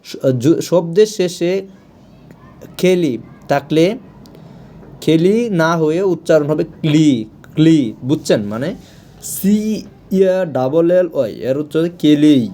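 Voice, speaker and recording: A man's voice: fairly high pitch, expressive, takes it slowly, warm tone. A man teaching English pronunciation, saying each word again and again with many fillers and restarts. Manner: repeats words over and over, drilling pronunciation, with many "ah" fillers and restarts. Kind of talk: spoken language lesson.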